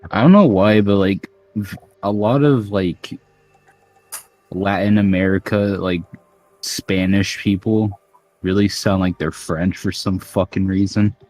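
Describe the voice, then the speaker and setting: A man's voice: sits low, steady tone, measured pace, darkish tone. A young man hosting a podcast in casual chat, talking crudely and rambling with lots of fillers. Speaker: podcast host.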